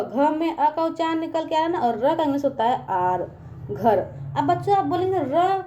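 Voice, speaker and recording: A woman's voice: high-pitched, darkish tone. A woman teaching young children in a patient online lesson, asking them questions and repeating herself often.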